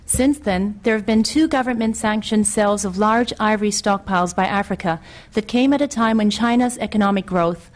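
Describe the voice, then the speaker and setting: A woman's voice: mid-range voice, a little fast, few pauses. Earnest middle-aged woman reading formal testimony. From Hong Kong. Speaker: witness testifying at a legislative committee.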